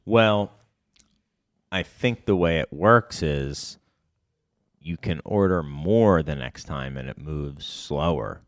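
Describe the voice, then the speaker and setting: A low-voiced man with a hint of a Chicago accent chats loosely on a podcast. He hedges, rambles and keeps correcting himself. The recording is dry, with no room sound at all. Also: slow pace, no room sound. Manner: rambling, self-correcting, hedging. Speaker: podcast co-host, beer bar owner. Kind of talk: casual chat.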